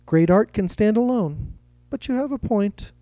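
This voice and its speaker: Storybook old gentleman collector, insistent and lecturing, voiced by a man, dark mellow tone. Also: high-pitched, expressive, unhurried, no echo, voice pushed up. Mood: emphatic. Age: older. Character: old male art collector, refined, opinionated.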